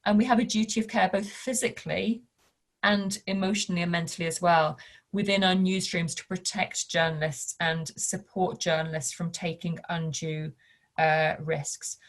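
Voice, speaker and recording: Female panel speaker, slightly low pitch, conference address, news professional. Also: steady tone, normal speed.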